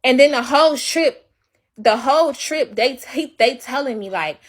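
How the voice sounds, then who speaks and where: A young woman rants to her livestream audience in a casual, unfiltered way. Her voice sits a little high, and she swears freely, hammering each point home. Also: lively intonation, normal speed. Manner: blunt, profane, emphatic ranting.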